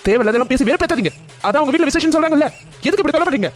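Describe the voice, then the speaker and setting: A man's voice: extremely high pitch, animated, rapid-fire, faint music behind, pitched above the performer's own voice. A man voicing a firm, exasperated young man in a cartoon family drama. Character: angry, protective young man.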